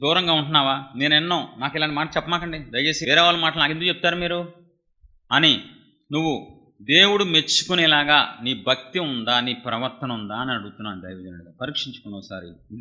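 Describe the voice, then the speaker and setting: Impassioned bright-voiced pastor. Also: male voice, fairly high pitch, rough recording. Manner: impassioned, rhetorical questions, swings from loud to hushed. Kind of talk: Telugu sermon.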